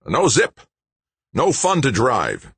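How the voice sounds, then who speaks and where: A man's voice: mid-range voice, huge pitch swings, takes it slowly, a bit bright, slightly rough, no room sound, pitched above the performer's own voice, heavily acted. A man reading aloud voices a stubborn, serene middle-aged male anti-nuclear protester. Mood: breezy.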